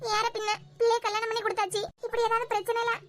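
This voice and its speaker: A woman plays a weepy old grandmother in a Kanyakumari Tamil accent, fretting over family matters. The voice sits very high and runs at a quick clip. It has a lamenting, worried manner. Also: level tone. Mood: fretful. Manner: fretful, lamenting. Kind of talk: cartoon web series voicing.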